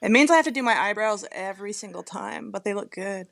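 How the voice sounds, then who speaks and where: A woman's voice: medium pitch, quick pace, creaky, fairly bright tone. Woman, podcast co-host and cop; blunt, sarcastic, swears a lot. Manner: blunt, profane, teasing. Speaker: podcast co-host, police officer. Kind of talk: casual podcast chat.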